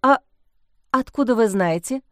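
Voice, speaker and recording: Woman playing a young gentlewoman, raised pitch, plaintive and pouty, dry close reading. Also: expressive, no room sound. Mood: flustered. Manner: high, plaintive and quick to whimper. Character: flustered young gentlewoman, tearful and pouting.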